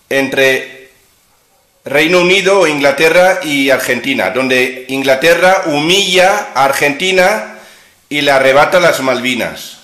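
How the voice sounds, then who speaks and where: Male host, bright and forceful voice, echoey room, blunt and mocking. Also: a little high. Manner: blunt, scornful, rhetorical questions. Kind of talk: casual chat. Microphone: video call.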